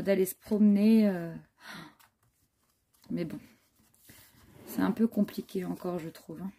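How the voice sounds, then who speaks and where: A woman's voice: mid-range voice, warm tone, slight background noise. A woman vlogger chatting casually as she shows off a handmade scrapbook album, full of admiring asides and fillers. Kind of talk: casual show-and-tell chat.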